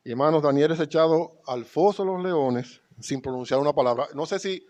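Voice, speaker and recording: A man's voice: on the high side, fairly quick, a little mellow. A man with a Dominican Spanish accent preaching a sermon to his congregation, reading scripture aloud with rising emphasis. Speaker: pastor.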